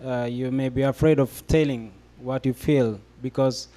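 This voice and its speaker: On a discussion panel, a young Ethiopian man explains his answer hesitantly, full of fillers and restarts. His medium-pitched, dark voice keeps fairly even intonation at a normal speed.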